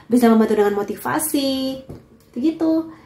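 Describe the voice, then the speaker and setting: A woman's voice: high voice, moderate pace, mellow. A woman with an Indonesian accent giving a chatty, encouraging tarot reading to her viewers, dropping in English words. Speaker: tarot reader. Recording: roomy echo.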